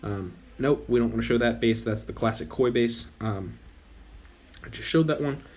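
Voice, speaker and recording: A young man with a medium-pitched voice and moderate pace hosts a gaming channel, offering relaxed commentary over play. His voice is going, and he drifts along, pausing often to revise his words.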